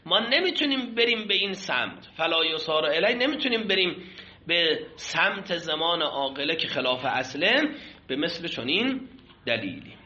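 A man's voice: on the high side, expressive, bright, forceful tone. A man teaching a seminary class on Islamic law, explaining a classical text and putting questions to his students. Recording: echoey room, dull lo-fi sound.

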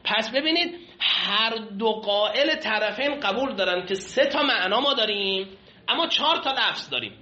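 A man's voice: high-pitched, animated, bright, forceful tone. A man teaching a class, reading and explaining legal texts step by step and often putting questions to his students. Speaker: seminary teacher. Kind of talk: classroom lecture on Islamic law texts. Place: classroom with a whiteboard. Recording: echoey, dull lo-fi classroom recording.

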